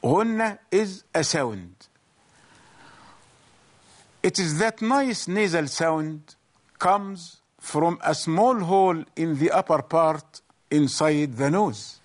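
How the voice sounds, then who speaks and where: A man teaching a Quran recitation lesson, explaining each rule slowly and repeating it in English and Arabic. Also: fairly high pitch. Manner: slow, explains each point twice, once in English and once in Arabic. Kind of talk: bilingual tajweed lesson.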